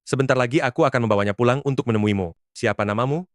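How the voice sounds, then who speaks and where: An actor in his twenties playing a wealthy young CEO, brisk and persuasive. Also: medium pitch, no room sound, studio quality, lightly acted. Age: 20s. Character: young rich CEO, brisk and self-assured. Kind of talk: dubbed drama acting.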